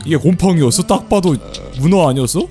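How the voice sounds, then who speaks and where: A man's voice: on the high side, animated, quick pace, warm tone, soft background music. A man giving casual let's play commentary, chatty and often laughing as he reads the game text aloud. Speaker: game streamer.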